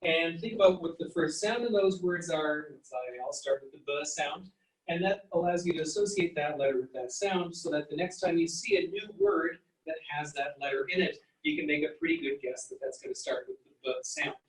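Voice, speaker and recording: Male lecturer, fairly high voice, sounds out words for the class; roomy, distant pickup. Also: a little fast. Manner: explanatory, sounds out words and letters. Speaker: psychology lecturer. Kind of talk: university lecture. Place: lecture hall. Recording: echoey room, mic at a distance.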